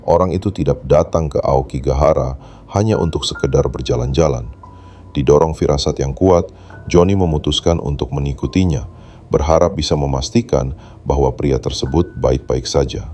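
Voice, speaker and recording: A man's voice: rumbling low, a little mellow. A man reading a scripted horror story as narrator, in a solemn, dramatic storytelling manner.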